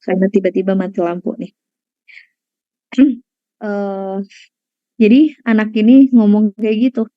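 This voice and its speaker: A parenting counselor gives an online lecture from home during a power cut, speaking at medium pitch with a steady tone and measured pace. She's conversational, treats listeners as friends, and mixes in English words. The video-call audio is dull and lo-fi, with no room sound.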